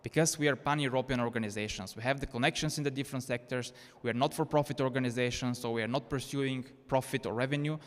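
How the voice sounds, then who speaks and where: This man, a Bulgarian native speaker from Bulgaria, delivers a conference keynote fast and with hardly any pauses, his mid-range voice keeping a fairly even intonation. His manner is earnest and persuasive with repeated restarts, and the hall is reverberant.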